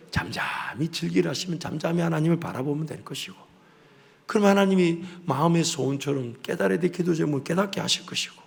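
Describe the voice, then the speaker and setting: Gravelly Gyeongsang pastor preaching in a church. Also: male voice, on the high side. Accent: Gyeongsang Korean. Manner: swings from hushed, near-whispered passages to loud animated storytelling. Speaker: guest pastor at a revival meeting. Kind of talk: revival sermon. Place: church sanctuary. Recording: reverberant church sanctuary.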